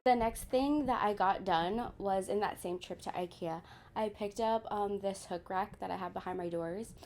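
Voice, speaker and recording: Over music, a young woman with a medium-pitched voice and normal speed chats casually through a room tour. A lifestyle vlogger, she's chatty and speaks straight to her viewers, calling them "you guys."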